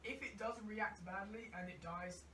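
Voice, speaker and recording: A man's voice: sits high, normal speed, sharp tone. A man hosting a casual group discussion in a room with friends, chatty and steering the talk along. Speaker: podcast host. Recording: echoey room, distant mic, noisy.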